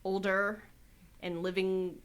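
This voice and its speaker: A woman's voice: mid-range voice, slow pace, slight background noise. A young woman co-hosting a podcast, chatting casually with lots of fillers and swearing. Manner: swearing, many "like" fillers, animated storytelling. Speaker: podcast co-host. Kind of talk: casual chat.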